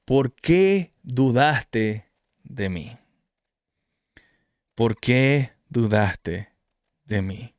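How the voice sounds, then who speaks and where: A man voicing a calm, patient male teacher who speaks slowly and gently. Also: on the high side, no room sound, studio quality, exaggerated voice. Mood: gently reproachful.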